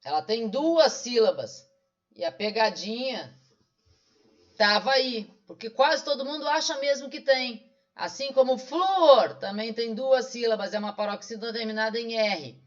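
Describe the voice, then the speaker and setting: Working through exam questions in an online lesson, a Brazilian-accented teacher takes a didactic approach, posing questions and then answering them himself. He speaks at a moderate pace in a very high-pitched, somewhat bright voice, over dull lo-fi sound.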